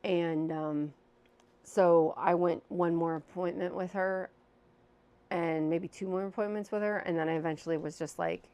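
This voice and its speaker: At normal speed and in a steady, dark, lowish tone, a female vlogger relates a personal story casually and frankly, poking fun at herself. She records in a room at home with a fan going, using a new mic with a windscreen.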